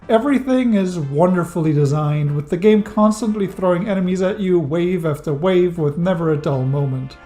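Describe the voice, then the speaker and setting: A game reviewer, a thirty-year-old man who learned English as a second language, narrates a scripted retrospective. His voice sits high with a darkish tone. He keeps things wry and enthusiastic, with dry jokes throughout.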